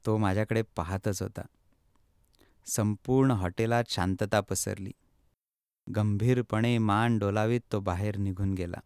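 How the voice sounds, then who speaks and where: A man reading a first-person travel memoir aloud in steady, measured narration. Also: fairly low pitch, clear, resonant tone, no echo, clean studio sound.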